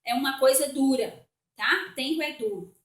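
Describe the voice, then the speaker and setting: A Brazilian woman teacher with a bright, high voice gives a spelling lesson for children. She is patient, goes slowly and repeats each word to explain it. The room around her is echoey. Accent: Brazilian Portuguese.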